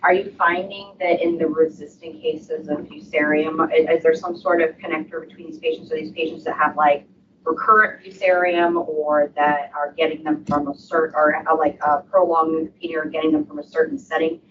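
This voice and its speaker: A woman's voice: deep voice, fairly even intonation, a little fast, lo-fi sound. Distant woman asking a hesitant question. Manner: hesitant, rephrasing as she goes. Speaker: audience member asking a question. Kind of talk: audience question. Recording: distant, noisy room pickup.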